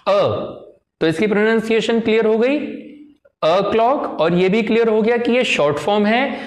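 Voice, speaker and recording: A man with a fairly high voice teaching an English lesson in Hindi, sprinkled with English terms. He talks in a chatty, repetitive way and keeps checking in with his class. The room is echoey. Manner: chatty, repeats phrases, often checks with "theek hai?".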